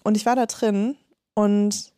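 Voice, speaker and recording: A woman in her thirties co-hosting a podcast, telling a story in animated casual chat and swearing freely. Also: medium pitch, slow, clean tone, no room sound, studio quality. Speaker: podcast co-host.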